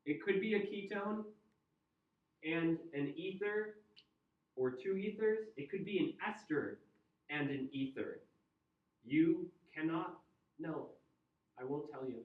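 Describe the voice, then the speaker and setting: A man's voice: fairly high pitch, expressive, unhurried, long pauses. Midwestern man lecturing in an echoey classroom. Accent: Midwestern American. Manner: conversational, joking, asks the class questions. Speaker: chemistry teacher. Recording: roomy, distant and dull classroom sound.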